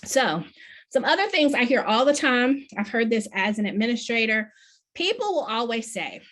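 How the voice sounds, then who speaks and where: A woman's voice: a little high, very animated, moderate pace, a bit bright. A middle-aged woman, a professor, delivering a conference keynote in an earnest, emphatic way, with many questions. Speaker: plenary speaker, professor.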